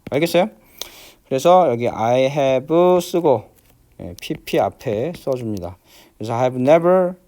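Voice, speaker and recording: A man teaching an English grammar lesson, walking through exercises step by step and constantly asking whether students follow, stretching out the English words slowly. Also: mid-range voice, mellow. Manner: repeats check-in questions, many fillers; slows down to spell out English words.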